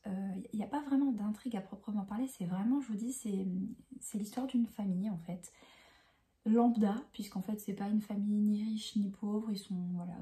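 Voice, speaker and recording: Hesitant woman with a dark, gravelly voice. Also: mid-range voice. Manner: hesitant, many fillers and restarts. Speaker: book reviewer. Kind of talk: casual book review chat.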